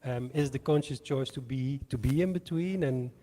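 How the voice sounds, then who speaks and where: A man in the audience asking a panel question, halting and searching for words. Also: medium pitch, mellow, slight background noise. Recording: distant in an echoey hall.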